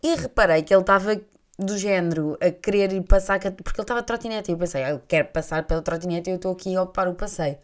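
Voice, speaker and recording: Young portuguese woman chatting, lower voice, laughs a lot, does little voices in her stories. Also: fast. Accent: European Portuguese. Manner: animated, laughs often, acts out voices in her anecdotes. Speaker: podcast host. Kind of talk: casual storytelling chat.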